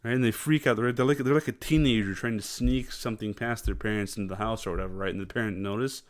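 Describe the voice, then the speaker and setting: Man, low voice, casual political commentary host, halting with fillers. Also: fairly even intonation. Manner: halting, many fillers and restarts, mocking put-on voices.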